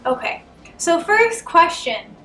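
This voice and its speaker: A woman's voice: very high-pitched, sing-song, slow, a crowd in the background. A woman with a Boston accent hosting a casual couple Q&A at home, chatty and rambling, laughing often. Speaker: channel host. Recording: roomy, distant camera sound.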